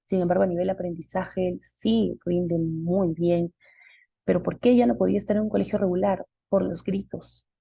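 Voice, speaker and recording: Woman teaching online, kinda gravelly and husky, dark tone, asks herself questions then answers. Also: lowish voice, steady tone, moderate pace, no echo, lo-fi sound. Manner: explanatory, asks and answers her own questions. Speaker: teacher giving an online class. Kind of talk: live online lecture.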